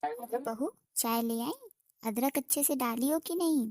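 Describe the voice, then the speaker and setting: Cartoon role: nagging old mother-in-law, high and scolding, dry and close, as a woman puts her on. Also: a little slow, darkish tone, dry recording. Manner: scolding, suspicious, rustic speech.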